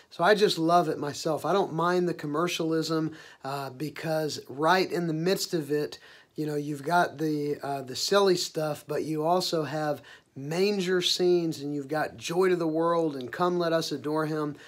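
Hoarse man with upbeat church announcements. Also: fairly high pitch. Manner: upbeat, enthusiastic, with frequent "uh" fillers. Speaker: church leader announcing events. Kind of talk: casual spoken announcements.

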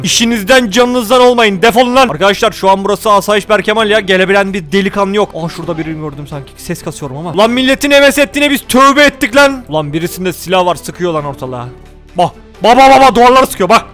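Male gaming YouTuber, very high voice, loud slangy play-by-play over faint music. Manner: rowdy slangy banter with excited exclamations. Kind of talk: gameplay commentary.

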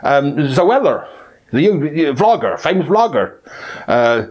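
A man's voice: on the high side, sing-song, takes it slowly, a little mellow, exaggerated voice. A man voicing a blunt, gossipy local woman, rambling through a spoof news report. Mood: offhand gossip. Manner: offhand, rambling, hesitant name-dropping. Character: blunt, gossipy Bristol woman, celebrity-spotting local correspondent.

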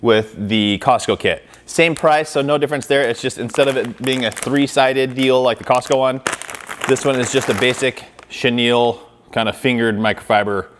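A man in his thirties hosts a car detailing channel, casually comparing products in a garage workshop while gesturing with his hands. He talks conversationally at normal speed with plenty of fillers, his medium-pitched voice picked up on a lapel mic with slight background noise.

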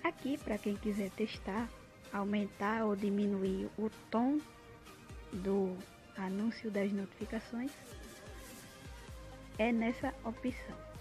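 A woman's voice: mid-range voice, fairly even intonation, slow pace, pauses often, darkish tone. A Brazilian woman giving an unscripted demonstration of an app as a tutorial host. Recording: music playing behind the voice. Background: clear background music.

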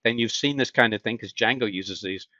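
A man's voice: lowish voice, fairly quick, bright, forceful tone, no echo. Middle-aged boston guy doing a coding tutorial, chatty, dry lo-fi mic sound. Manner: conversational, asks himself questions then answers. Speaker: instructor. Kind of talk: screen-share tech tutorial. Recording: dull lo-fi sound.

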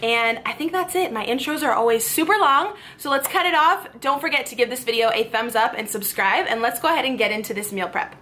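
Chatty young woman vlogger, fairly high voice. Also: a little fast, hardly any pauses, noisy background. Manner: chatty, upbeat, many "um" and "like". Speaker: lifestyle vlogger. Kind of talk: casual chat to camera; voice-over cooking tutorial. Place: bedroom with clothes rack behind. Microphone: camera framed from the waist up.

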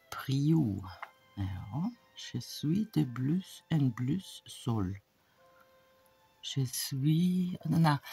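A woman's voice: very deep voice, creaky, slightly rough. A woman opening an advent calendar gift, musing to herself and reading labels aloud, often half-whispered. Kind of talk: casual unboxing chat. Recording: soft background music.

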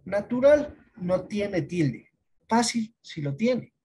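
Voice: medium pitch, animated, slow pace, mellow, slight background noise. A teacher giving an online class lesson, explaining patiently and often asking the students if they follow. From Ecuador. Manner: explains patiently, asks checking questions.

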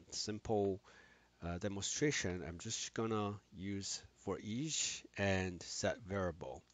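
A man with a deep, low voice walks through a software tutorial at his computer. He talks haltingly, restarting phrases and filling gaps with "uh". The recording is dry, with no room echo. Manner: halting, frequent restarts and fillers. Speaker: instructor.

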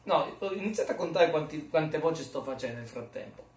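A man's voice: fairly high pitch, expressive, a little fast. A man vlogging in a rambling, jokey, self-mocking casual chat. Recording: roomy echo, mic far off.

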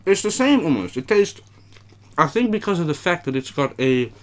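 Hosting a casual mukbang from a cozy little attic room, a young man speaks at normal speed in a higher voice that's very animated. His talk between mouthfuls is laid-back and full of slang.

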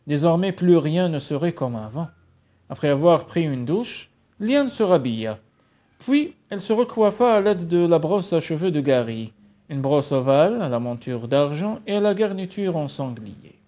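Un homme qui lit un roman à voix haute, narration posée en donnant une voix à chaque personnage. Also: male voice, fairly high pitch, warm tone. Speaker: lecteur de roman.

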